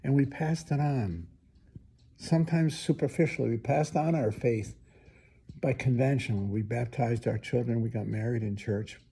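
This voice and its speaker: An older priest speaks his reflection with earnest emphasis and conversational asides. His voice is dark and gravelly, with a husky, unpolished edge. The tone is spoken and sermon-like, never read. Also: mid-range voice, normal speed.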